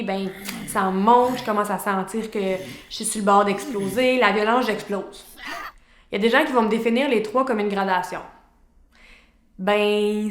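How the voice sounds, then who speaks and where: A woman counsellor with a Québécois French accent explains ideas to a group of men in a frank, informal way, speaking to them directly and calling them "the guys". Her voice sits a little high. It rings with the echo of a bare room. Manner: direct, informal, addresses listeners as "les gars". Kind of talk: educational talk to a men's group.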